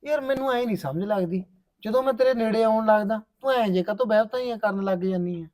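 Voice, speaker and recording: A jealous newlywed husband with a Malwa Punjabi accent, as an actor plays him. He talks fast and pleads in a voice that sits high for a man. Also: a little mellow, natural voice. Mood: suspicious. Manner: suspicious, pleading. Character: jealous young husband, suspicious. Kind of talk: village short-film acting.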